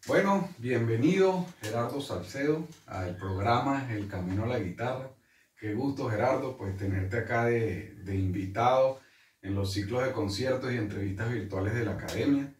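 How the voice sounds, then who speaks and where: A man's voice: medium pitch, moderate pace, darkish tone. Man hosting an interview in an echoey room. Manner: friendly, hesitant with many fillers. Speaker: interview host. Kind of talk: casual interview. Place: room in Santiago, Chile. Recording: echoey room, mic at a distance.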